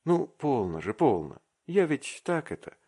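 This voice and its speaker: A man voicing a timid, tender-hearted young man in love in an audiobook, speaking earnestly and haltingly. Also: mid-range voice, very animated, breathy edge, pitched above the performer's own voice, full character voice. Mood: earnest confiding. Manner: earnest, faltering, warm confessional. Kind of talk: audiobook reading.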